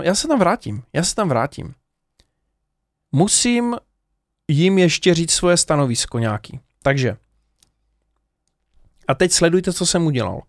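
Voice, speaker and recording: Man vlogger, fairly high voice, chatty and halting storytelling, dry close sound. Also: no room sound. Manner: animated, lots of hesitations and laughs, addresses the viewers directly. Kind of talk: casual storytelling to camera.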